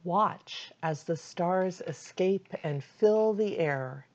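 A woman guides a meditation in a low, very slow and soothing voice, giving calm, unhurried instructions with long pauses. The recording sounds slightly muffled.

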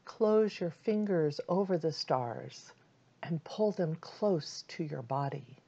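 Calm woman guiding a meditation, low mellow voice, kinda dull lo-fi sound. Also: breathy edge. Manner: calm, soothing, unhurried instructions with long pauses. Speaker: meditation guide. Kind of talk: guided meditation.

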